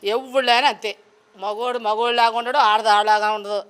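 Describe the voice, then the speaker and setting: A woman's voice: fairly high pitch, fairly even intonation, moderate pace, a bit bright, smooth. A woman from Andhra Pradesh answering a street interviewer, talking in a defiant, sarcastic and argumentative way. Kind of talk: street vox-pop interview.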